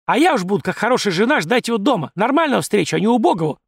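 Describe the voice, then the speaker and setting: A man voicing a loud, coarse, domineering peasant wife who scolds and bosses everyone. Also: sing-song, racing, creaky, slightly rough, no room sound, studio quality, heavily acted. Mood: scolding. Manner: shrill, scolding, bossy.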